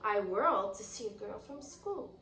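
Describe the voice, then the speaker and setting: A woman's bright, forceful medium-pitched voice brings a children's picture book to life at a moderate, expressive pace. Between passages she teaches, explaining and pointing things out. The audio has roomy echo and faint noise, captured from a distant microphone.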